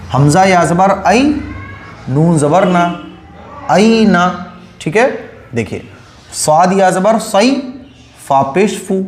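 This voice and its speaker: A man teaching Quranic letter reading in a patient, repetitive way, drawing syllables out slowly when he demonstrates them. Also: a little high, roomy sound, a little hiss or hum. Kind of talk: online recitation lesson.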